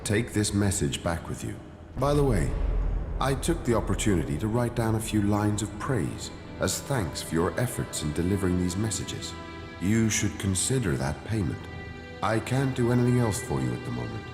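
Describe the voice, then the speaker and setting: A man's voice: on the low side, very animated, normal speed. An actor playing a stern, haughty male cleric leader in a video game, speaking formally and condescendingly. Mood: formal, measured. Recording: echoey hall reverb, music underneath.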